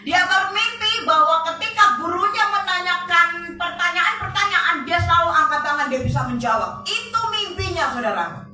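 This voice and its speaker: A woman's voice: extremely high pitch, animated, normal speed, few pauses, sharp tone. Woman, preacher, storytelling sermon, talks straight to the congregation, echoey hall, distant mic, faint music behind. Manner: storytelling, often addressing listeners as brothers and sisters.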